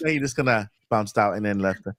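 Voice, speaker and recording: A man hosting a casual podcast chat, animated, laughing as he talks and repeating his words. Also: fairly low pitch, brisk, no room sound, studio quality. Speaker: podcast host.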